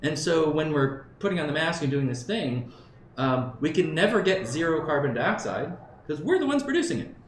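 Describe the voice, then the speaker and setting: A man's voice: on the high side, sing-song, normal speed, few pauses. A man in his fifties from Southern California giving a conversational conference presentation to a live audience, often checking in with his listeners and thinking aloud. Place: conference room. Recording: roomy live talk recording with faint background noise.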